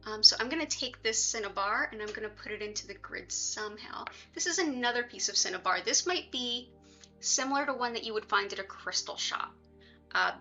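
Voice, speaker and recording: A woman with a bright, forward voice chats casually to livestream viewers, dropping in little asides as she goes. The sound is slightly muffled and lo-fi, with music playing behind her. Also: medium pitch. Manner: conversational, chatty asides to viewers. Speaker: livestream host and reiki practitioner.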